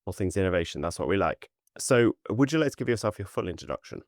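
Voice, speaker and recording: Male podcast co-host, deep voice, friendly and casual. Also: big pitch swings, fast, a little mellow, no echo, studio quality.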